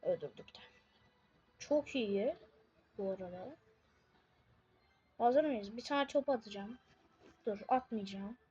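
A woman giving casual live commentary on her own game, excitable, swinging from muttering to shouting. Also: on the high side, slow, pauses often, lo-fi sound.

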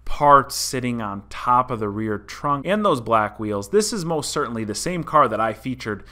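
Bright-voiced man chatting on a car vlog. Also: mid-range voice, expressive, moderate pace. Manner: chatty, explanatory, addresses viewers directly. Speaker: car channel host. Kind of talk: casual vlog commentary. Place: indoor room by a window. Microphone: desk mic in front.

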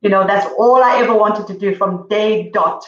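A woman's voice: mid-range voice, moderate pace, fairly bright tone. A middle-aged woman from Zambia, guest singer on a video call, telling stories casually with lots of fillers. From Zambia, grew up in Zimbabwe. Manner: chatty, storytelling with many fillers. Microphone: distant laptop mic on video call. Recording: roomy, distant, dull video call audio.

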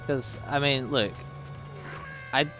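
A man's voice: mid-range voice, slow, bright, forceful tone. A man casually commenting on his own speedrun as he plays, thinking aloud, swearing freely and poking fun at himself. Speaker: speedrunner streaming his run. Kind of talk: casual live commentary over gameplay. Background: faint game music.

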